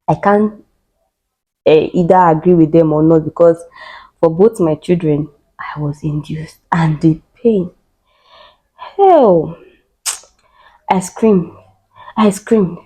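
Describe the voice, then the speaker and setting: A young adult woman host telling a personal story on a podcast, expressive and dramatic, with cries, sighs and emphatic repetition. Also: lowish voice, slow pace, long pauses, slightly rough, poor audio.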